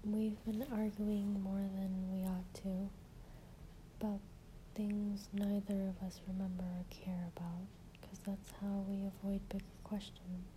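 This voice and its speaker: Female, intimate ASMR role-play, tender partner murmuring to a head in her lap; dark, unhurried delivery over faint room noise. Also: mid-range voice, poor audio. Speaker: intimate partner reading poetry aloud to the listener.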